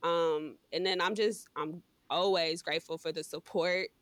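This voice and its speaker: A woman's voice: lowish voice, fairly even intonation, normal speed, fairly bright tone, no echo. A woman in her thirties from Cleveland, a podcast guest who talks in a laid-back way and laughs easily. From Cleveland, Ohio. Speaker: guest, entrepreneur and mom. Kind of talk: casual podcast interview.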